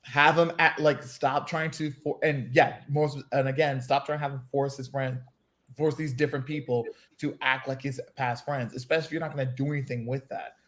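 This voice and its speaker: A man talking casually in an animated, ranting way, full of restarts and fillers. His voice sits at a middle pitch. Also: a little fast. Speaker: podcast co-host. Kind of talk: casual chat.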